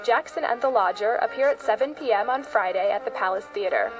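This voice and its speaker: Higher-pitched American woman, public radio host. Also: fairly quick, highs cut off, over loud music. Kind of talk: scripted public radio news feature narration.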